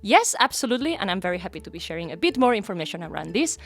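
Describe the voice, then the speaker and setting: A woman's voice: mid-range voice, sing-song, rapid-fire. Upbeat woman explaining product changes. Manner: upbeat, polished, informative. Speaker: company head of customer marketing.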